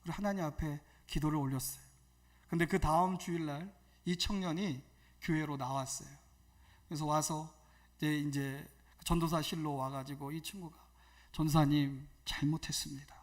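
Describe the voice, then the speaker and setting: A man's voice: fairly high pitch, steady tone, normal speed. A middle-aged man preaching a sermon as a pastor, telling a personal story with emphatic, rising exhortations.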